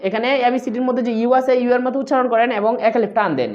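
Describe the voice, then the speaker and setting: A woman's voice: fairly high pitch, fairly even intonation, racing. A woman teaching Quran pronunciation step by step. She draws out model phrases and patiently explains each letter sound. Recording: slightly dull lo-fi recording.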